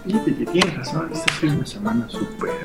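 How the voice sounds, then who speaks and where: A man's voice: fairly high pitch, lively intonation, fairly quick. A man with a Mexican accent in casual podcast conversation. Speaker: podcast panelist. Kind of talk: casual chat. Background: clear background music.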